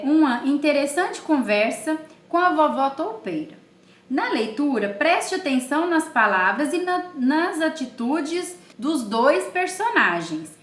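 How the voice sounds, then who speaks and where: A woman teacher talking slowly and with a lot of expression, asking her class questions and then answering them herself. Her voice rises and falls a great deal, and she keeps checking in with tag questions. The recording has the echo of a bare room. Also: high-pitched. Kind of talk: online class reading a story aloud.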